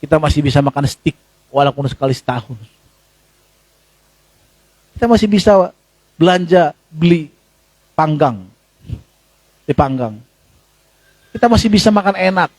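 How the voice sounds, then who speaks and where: Animated male preacher, lively pitch. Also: unhurried, long pauses, dry recording. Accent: Indonesian. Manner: animated preaching with sudden high exclamations and low asides; conversational, addresses the congregation as saudara. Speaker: pastor. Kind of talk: sermon. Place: church.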